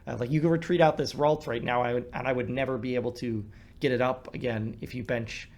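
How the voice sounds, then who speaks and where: A man's voice: medium pitch, steady tone, quick pace, a little mellow. A man giving casual commentary while playing a card game, thinking aloud with many ums and restarts. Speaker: co-host discussing a card game.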